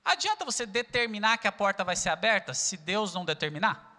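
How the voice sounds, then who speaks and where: Brazilian male pastor, sermon, sharp forceful tone, church-hall reverb. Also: sits high, expressive, brisk. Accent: Brazilian Portuguese. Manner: earnest preaching, asks rhetorical questions.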